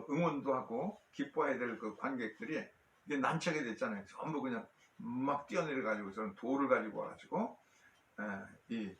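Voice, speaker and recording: A male pastor preaching a sermon and telling a story, with frequent pauses and fillers. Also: mid-range voice, fairly bright tone, roomy sound, recorded from a distance, a little hiss or hum.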